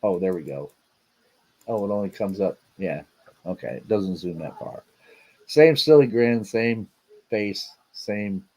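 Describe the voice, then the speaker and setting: A man's voice: on the low side, expressive, unhurried, long pauses, a little mellow. A man hosting a casual livestream, chatting and rambling as he reacts to video clips he plays. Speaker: show host.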